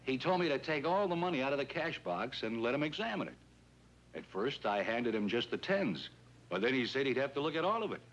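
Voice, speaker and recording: Here a man with a medium-pitched, somewhat bright voice talks a little fast in a sing-song way. He plays a swindled shopkeeper, wary and folksy, from a 1950s police drama, sounding hesitant, plain-spoken, earnest and rueful. The vintage film audio carries plenty of noise.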